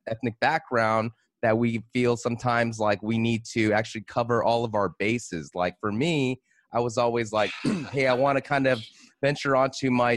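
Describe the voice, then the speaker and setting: A man co-hosts a casual podcast in a mid-pitched voice. He talks in a laid-back, slangy way and often stops to restart his sentences. The recording is dry and close. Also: no room sound. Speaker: podcast co-host.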